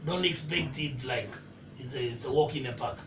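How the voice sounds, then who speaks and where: Relaxed man from Zimbabwe, echoey room. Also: mid-range voice, normal speed. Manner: relaxed, chatty, addresses host as bro. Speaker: chef. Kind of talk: casual interview. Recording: echoey, distant, noisy.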